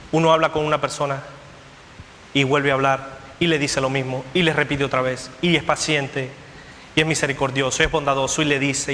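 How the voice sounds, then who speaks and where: A man's voice: medium pitch, bright, forceful tone, in a large hall, a little hiss or hum. A man preaching a sermon as pastor, driving his points home with an emphatic, repetitive cadence. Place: church hall.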